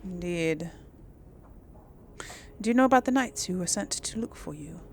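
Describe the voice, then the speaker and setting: A woman runs a casual let's play, chatting informally with hesitations and answering in role-play, while game ambience and soft background music play. Her voice is on the low side and gravelly, expressive at a normal speed.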